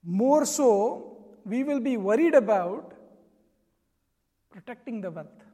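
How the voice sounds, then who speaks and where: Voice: mid-range voice, lively intonation, takes it slowly, warm tone. A spiritual teacher giving an earnest, explanatory sermon. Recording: long reverb.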